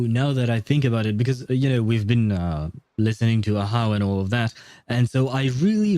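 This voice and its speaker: A man chats and comments casually during a video game livestream, informal and rambling, with some mild swearing. His mid-range, dark-toned voice comes through a dry recording with clean studio sound from his indoor setup, faint game music in the background.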